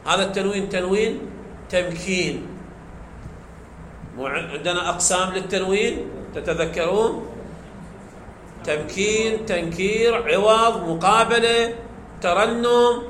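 A man's voice: high-pitched, unhurried, pauses often, fairly bright tone. A man teaching a grammar lesson, explaining step by step and quizzing his class with questions he answers himself. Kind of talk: classroom lecture. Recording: echoey room, faint background noise.

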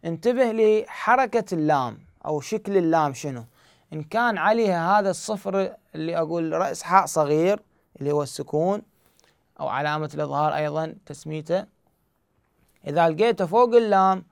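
A man's voice: on the high side, a little fast, gravelly, clean tone, dry recording, studio quality. A man with an Iraqi Arabic accent, teaching Quran recitation rules step by step and answering his own questions. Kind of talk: explanatory lesson.

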